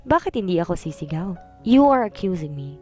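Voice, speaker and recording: A woman reads out a worn-out young husband who speaks flatly and briefly. His lines come clipped and cold, snapping into anger when cornered. Soft music plays faintly underneath the storybook narration. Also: fairly low pitch, fairly quick. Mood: angry. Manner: curt, tired, snapping. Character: weary cold husband, young adult man.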